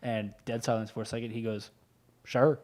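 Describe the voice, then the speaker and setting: A man's voice: on the low side, monotone, fast talker, darkish tone. A young man co-hosting a podcast, chatting casually, rambling through a story and laughing often. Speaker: podcast co-host. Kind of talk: casual chat.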